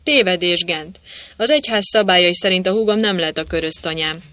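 A cheeky, quick-witted legionnaire hiding behind false names, who answers every question glibly and deadpan, as a male reader plays him. The voice is bright and clear, in a storybook reading. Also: sits high, dry recording.

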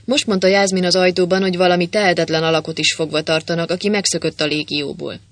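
A sarcastic baron who speaks coldly and curtly, as a male audiobook narrator puts him on. His voice rises a little higher than the narration when he mocks. The tone is impatient and threatening. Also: fairly bright tone, no room sound. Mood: mocking. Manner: cold, mocking and curt.

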